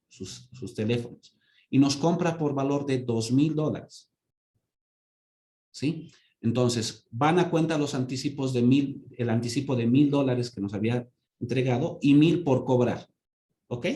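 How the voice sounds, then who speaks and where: A man's voice: mid-range voice, warm tone, roomy sound. A man teaching an accounting class, explaining with everyday examples and often checking in with his students. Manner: asks students for confirmation with repeated "¿sí?". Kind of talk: online class lecture.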